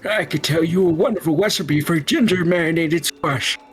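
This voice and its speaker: A woman's voice: low-pitched, music in the background, lightly acted. A woman voicing a forgetful, meandering old man while reading a game's dialogue aloud. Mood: rambling. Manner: slow, meandering storyteller. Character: rambling forgetful old man, elderly sage.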